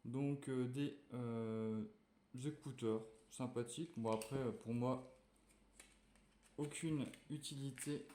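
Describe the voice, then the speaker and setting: A man talks slowly through an unboxing, casual and relaxed, stopping often for fillers as he goes. His voice sits mid-range and sounds roomy, as if he is in an echoey space. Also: mid-range voice, slight background noise. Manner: hesitant, many fillers, relaxed and chatty. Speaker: tech reviewer unboxing a phone. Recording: echoey room.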